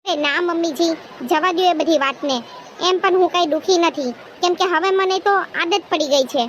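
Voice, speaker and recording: A meek, patient young husband from a cartoon, as a woman puts him on, gentle and pleading in manner. The voice sits very high and thin for a man. A steady hiss runs underneath. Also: a little fast. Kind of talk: cartoon voice acting. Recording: noisy background hiss.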